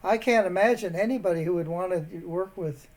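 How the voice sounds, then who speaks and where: Posing as an elderly bank customer, a scambaiter with a high, slightly dark-toned voice talks a little fast on a prank call to a phone scammer. He rambles, drifts off mid-sentence, and grows more indignant as he goes.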